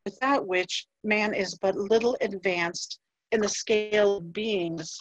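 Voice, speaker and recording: A woman who works as a museum curator delivers a scripted history talk, reading from notes in a measured voice and using a few fillers. Her pitch is medium, and the recording sounds dry and lo-fi.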